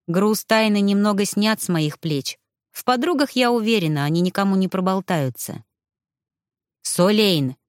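Woman narrator, audiobook, measured delivery, dry recording. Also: medium pitch, animated, no room sound.

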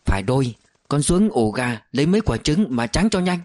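A man's voice: medium pitch, very animated, fairly quick, a little mellow, dry recording, lightly acted. Guy doing an old village mom, eager and caring, dry close sound. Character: elderly village mother, doting.

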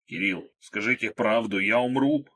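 A man's voice: on the low side, moderate pace, a bit bright. A man voicing a panicky, self-pitying wounded man who cries out shrilly and desperately. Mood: whimpering.

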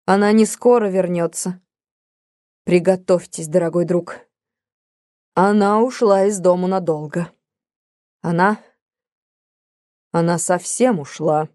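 A woman's voice: fairly low pitch, takes it slowly, long pauses, a little mellow, dry recording, clean studio sound. A woman reading an audiobook, voicing a scheming, falsely solicitous woman in a soothing, insinuating manner. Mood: consoling. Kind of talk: audiobook character voice.

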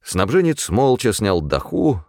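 A man reading a story aloud in a measured, expressive storytelling style. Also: fairly low pitch, no room sound, clean studio sound. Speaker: narrator. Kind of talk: audiobook story narration.

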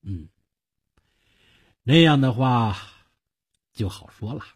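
A man voicing a husky scheming old uncle. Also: medium pitch, lively intonation, slow, exaggerated voice. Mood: calm scheming. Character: shrewd older wealthy male uncle, calm and scheming.

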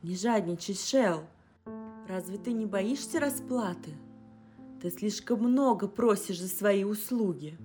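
A woman narrator puts on a desperate young wife facing down a spirit. Her voice rises higher and louder in urgent, pleading outbursts. Music sounds clearly underneath. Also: lively intonation, a little slow, natural voice. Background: instrumental music.

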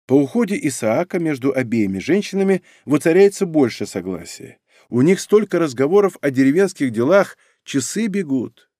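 A man's voice: a little high, normal speed, no echo. Man narrating a novel in a dry studio. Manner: expressive, dramatic reading. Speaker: audiobook narrator. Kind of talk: scripted narration. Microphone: studio microphone.

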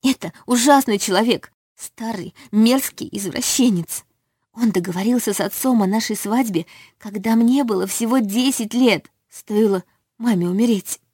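A woman's voice: a little high, normal speed, darkish tone, husky, no echo, clean studio sound, pitched above the performer's own voice. A woman reading a desperate young heroine. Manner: pleading, emotional. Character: frightened young woman fleeing a forced marriage. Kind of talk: audiobook reading.

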